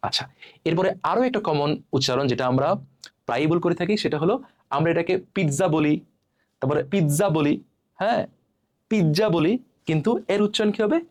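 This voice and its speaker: Man teaching word pronunciation, slightly high voice. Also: fast, long pauses, a little mellow. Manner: asks questions then models words. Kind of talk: lesson to camera.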